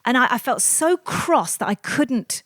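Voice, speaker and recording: A woman's voice: on the high side, lively intonation, measured pace, fairly bright tone, no echo, clean studio sound. A middle-aged woman, co-hosting a podcast in casual, reflective conversation. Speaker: podcast co-host.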